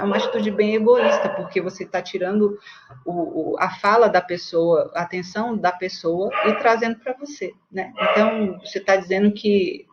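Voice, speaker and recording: A woman's voice: mid-range voice, muffled recording. A woman with a Brazilian Portuguese accent teaching a book study in a casual, conversational way, often checking in with tag questions and acting out examples. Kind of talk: casual spoken lesson.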